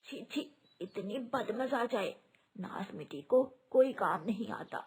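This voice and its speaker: A woman's voice: medium pitch, lively intonation, measured pace, darkish tone, slightly rough, heavily acted. Woman playing a scolding old mother-in-law bird. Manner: scolding, sneering. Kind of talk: cartoon voice acting.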